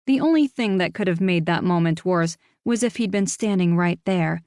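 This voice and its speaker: Woman reading a first-person cozy mystery, lively and self-mocking, low-ish pitch, dry studio sound. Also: normal speed, no room sound. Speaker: audiobook narrator.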